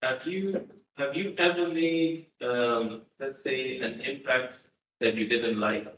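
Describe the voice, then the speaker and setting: A man's voice: mid-range voice, slow, slight background noise. A man in the audience asking a hesitant question. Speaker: audience member. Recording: echoey hall, distant phone-like sound.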